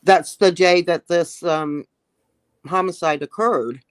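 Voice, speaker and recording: Here is a woman guest on a live-stream panel with a somewhat low voice. She talks in a relaxed, easygoing way and laughs at her own troubles. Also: takes it slowly, clear, resonant tone. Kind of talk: casual live-stream chat.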